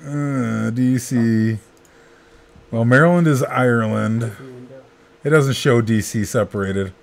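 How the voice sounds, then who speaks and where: A man co-hosting a casual podcast, talking in halting, rambling bursts while telling an anecdote. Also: mid-range voice, vocal fry. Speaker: podcast co-host. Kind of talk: casual chat.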